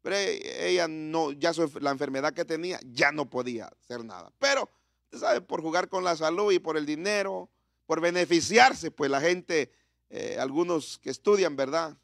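A man's voice: a little high, animated, moderate pace, vocal fry, fairly bright tone, no room sound, studio quality. A middle-aged man preaching a sermon in church, talking conversationally and firing questions at the congregation.

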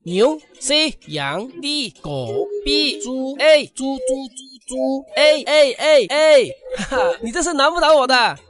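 Casting: performer as excitable student gamer for game cartoon skits, lively swinging intonation, Mandarin internet slang. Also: sits high, slow pace, few pauses, background noise. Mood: confident. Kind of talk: comedy skit voice acting.

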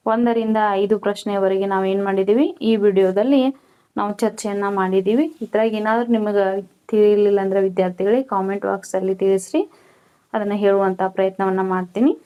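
A woman teacher, slowly reading out questions and answers and repeating each one for students to copy. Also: medium pitch, fairly even intonation, clear, resonant tone, highs cut off. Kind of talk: slow dictation-style Kannada lesson.

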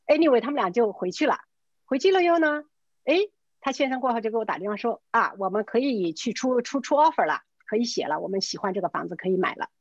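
Husky-voiced woman telling anecdotes. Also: on the high side, fast talker, dry recording, highs cut off. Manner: lively, acts out quoted dialogue; mixes English words into her speech. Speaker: real estate agent telling stories. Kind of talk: casual storytelling talk. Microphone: video call.

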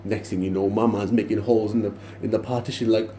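In a home kitchen, a young man records a casual vlog on a phone held out at arm's length, bantering and joking in slang. His voice is lowish, dark and level, his speech fast, with a reverberant sound and a bit of hiss or hum.

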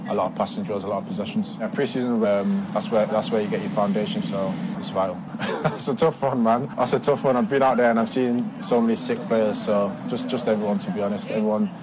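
A young man, a footballer, answering questions in a relaxed interview clip, often repeating words as he thinks, recorded outdoors with noise behind him. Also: lowish voice, fast talker, muffled recording. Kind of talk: post-training interview clip.

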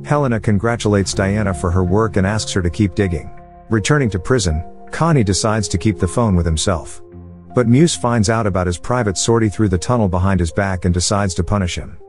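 A man narrates a film plot in a steady, even scripted read. His voice sits low, and it is recorded close to the mic. Soft music plays faintly behind him. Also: a little fast. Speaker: movie recap narrator.

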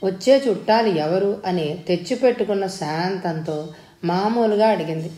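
A woman narrating a story in a steady, even storytelling manner as an audiobook reader. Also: medium pitch, moderate pace. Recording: roomy echo.

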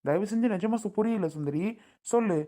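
A woman's voice: mid-range voice, lively intonation, moderate pace, mellow, lightly acted. A woman playing a patient relative who coaxes and apologizes, a bit exasperated, in a family skit. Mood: coaxing. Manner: coaxing, exasperated.

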